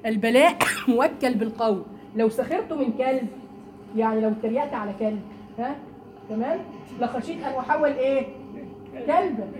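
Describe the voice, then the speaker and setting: A woman's voice: fairly high pitch, brisk. A woman with an Egyptian Arabic accent teaching a Quran study lesson to women, telling stories animatedly and mimicking mocking voices. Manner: lively, animated storytelling with mocking impressions. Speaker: religious teacher. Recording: noisy room recording.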